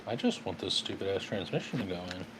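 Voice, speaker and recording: A man's voice: deep voice, expressive, quick pace, background noise. A man bantering and joking in a garage while he works on a truck, cursing when parts won't fit. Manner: joking, cursing at his work. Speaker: guest co-host. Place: home garage. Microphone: host's phone on tripod.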